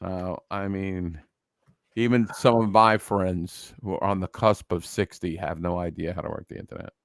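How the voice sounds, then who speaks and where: A man co-hosting a sports talk show, tossing in crude jokes and quick asides. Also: sits low, steady tone, no room sound. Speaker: podcast co-host. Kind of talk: casual chat.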